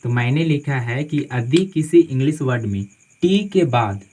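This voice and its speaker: A man's voice: medium pitch, expressive, moderate pace, a little mellow, a little hiss or hum, rough recording. A man teaching English spelling rules in a classroom-style lesson, spelling words out letter by letter and repeating each phrase with a "theek hai" check after most points.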